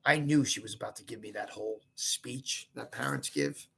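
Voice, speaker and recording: A man reading a children's novel aloud in first person, with expressive, conversational asides. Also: lowish voice, normal speed, vocal fry, breathy edge. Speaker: reader and commentator.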